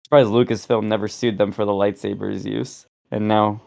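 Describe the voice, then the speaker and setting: A man's voice: on the low side, flat delivery, normal speed, vocal fry, darkish tone. A young man co-hosting a casual review podcast, rambling and correcting himself as he talks, with frequent chuckles. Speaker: podcast co-host.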